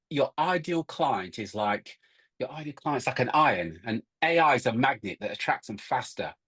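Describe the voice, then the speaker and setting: A man's voice: medium pitch, a bit bright, husky. A middle-aged man co-hosting a recruiting workshop webinar, talking emphatically and often repeating and restarting his words. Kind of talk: webinar presentation.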